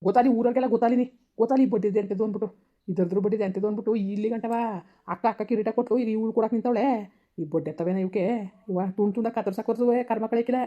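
A woman voicing an angry village father who shouts and curses at his daughter in a harsh, bitter way. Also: on the high side, racing, close to an everyday voice. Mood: raging. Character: furious village father, harsh and cursing, man. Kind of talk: village family drama acting. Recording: dull lo-fi recording.

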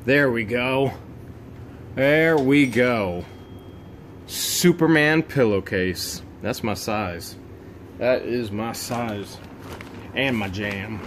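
A man narrating as he digs through boxes from a bought storage unit, casual and chatty, breaking into excited high exclamations over finds. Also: extremely slow, pauses often, background noise. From United States. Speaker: storage unit reseller vlogger.

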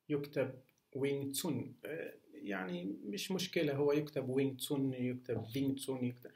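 Man, Egyptian accent, mid pitch, rapid pace, hesitant, casual Q&A. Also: a little hiss or hum. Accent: Egyptian Arabic. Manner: hesitant, many restarts and fillers. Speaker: martial arts instructor. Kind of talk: casual Q&A monologue.

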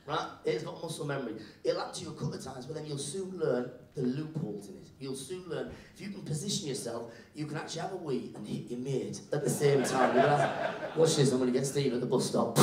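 Animated male stand-up comic in a roomy venue. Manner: animated storytelling, acting out characters. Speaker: stand-up comedian. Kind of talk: live stand-up comedy. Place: live comedy venue with audience. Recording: roomy venue, mic picked up from a distance, faint rumble.

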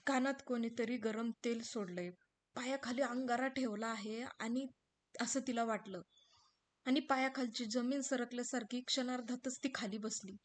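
Woman narrating a story, soft and measured. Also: a little high.

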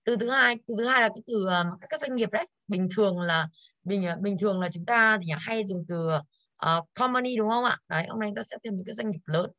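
A woman's voice: mid-range voice, fairly quick, fairly bright tone, no echo. A woman English teacher going over exercises in an online class, tired and coughing now and then, who keeps putting questions to her students.

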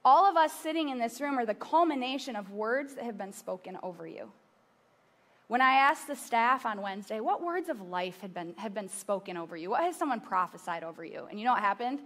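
A woman's voice: on the high side, lively intonation, fairly quick, fairly bright tone. A woman in her thirties preaching on a church stage, telling personal stories in a conversational way with asides to the audience. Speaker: pastor. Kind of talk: sermon.

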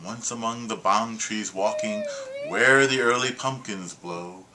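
A man reciting a humorous poem aloud with his child, in a rhythmic, sing-song way with lively emphasis. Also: fairly low pitch, unhurried, heavy background noise. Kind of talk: expressive poetry reading.

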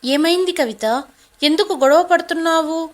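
A woman's voice: very high-pitched, moderate pace, voice pushed up. A woman voicing an irritated young husband who reproaches his wife in a storybook drama. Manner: raised, reproachful.

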